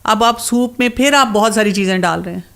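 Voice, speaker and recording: A woman's voice: medium pitch, creaky, a bit bright. Woman explaining diet advice, chatty. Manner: explanatory, sprinkles in English words; acts out other people's replies in quotes. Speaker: health and diet expert. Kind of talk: casual talk-show chat.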